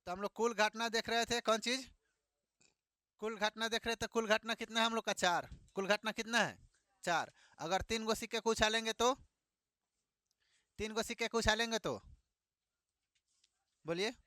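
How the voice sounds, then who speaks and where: A man's voice: high-pitched, moderate pace, long pauses, pushed and bright, no echo, clean studio sound. A man teaching a classroom math lesson, asking questions and repeating each answer back. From Bihar, India.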